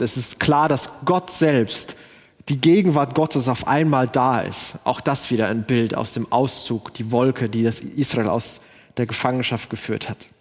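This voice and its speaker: A man preaching a sermon, slowing down to quote scripture and rising into rhetorical questions. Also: fairly high pitch, in a large hall.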